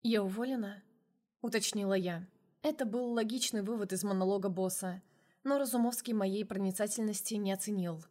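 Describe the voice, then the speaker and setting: A woman's voice: medium pitch, brisk, dark tone. Woman, audiobook narrator, first-person romance narration, wry, dry storytelling.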